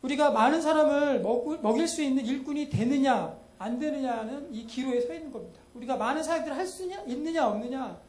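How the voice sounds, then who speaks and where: A woman junior pastor delivers a Sunday sermon, her voice high-pitched and mellow. She talks to the congregation conversationally, poses questions and answers them, and acts out dialogue along the way. The sound rings through an echoey church hall with a faint hiss underneath. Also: fast talker, few pauses. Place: church sanctuary.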